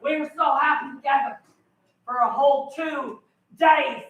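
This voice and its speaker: A man's voice: very high voice, fairly even intonation, measured pace, noisy background. A man doing a bawdy, self-mocking stand-up set on a live stage, bantering with the crowd, heard through a handheld mic from a distance in an echoey venue. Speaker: stand-up comedian.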